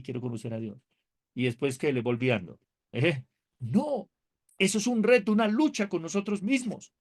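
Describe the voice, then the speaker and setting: A man and pastor lecturing a seminary theology class, animated and conversational, asking his students questions, joking, and reading scripture aloud with emphatic rises. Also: on the high side.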